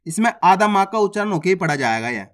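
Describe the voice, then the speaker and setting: A reading teacher who sounds out words syllable by syllable, then says each whole, and checks with viewers that it is clear. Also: medium pitch, big pitch swings, quick pace. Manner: addresses viewers as friends, asks if it is clear. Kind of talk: slow word-by-word reading lesson.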